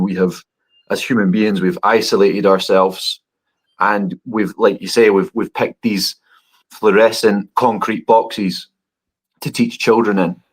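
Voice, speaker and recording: A man in his thirties, a dog trainer guesting on a podcast, answering thoughtfully with frequent restarts. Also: low-pitched. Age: 30s. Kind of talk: conversational podcast interview.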